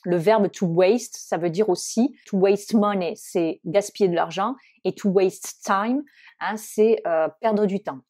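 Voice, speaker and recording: A woman teaching English vocabulary in French, with many hesitant fillers, slowing down to model each English word. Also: mid-range voice, mellow. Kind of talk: vocabulary lesson.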